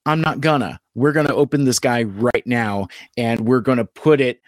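A man talking casually to camera about his toy collection, halting and rambling with many fillers and restarts, a little worn out. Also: medium pitch, dry recording. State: tired, hungover after a convention.

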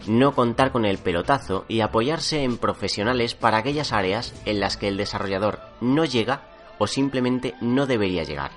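Measured male reporter, low voice. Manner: measured, formal delivery. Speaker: news reporter. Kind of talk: scripted news report. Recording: faint music under the voice.

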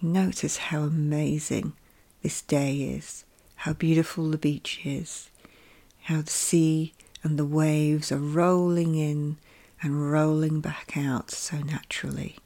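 A woman leading a guided meditation with calm, gentle instructions, her soft voice often drifting into a whisper. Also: sits low, slow pace, creaky.

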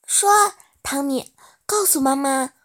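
A woman's voice: sits high, animated, moderate pace, voice pushed up. A woman voicing a caring, worried widowed mother in a storybook reading, speaking in a coaxing way. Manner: warm, coaxing, concerned.

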